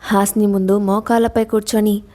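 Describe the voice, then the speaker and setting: A woman narrating a suspense story in an expressive, scripted storytelling voice. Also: mid-range voice, a little fast.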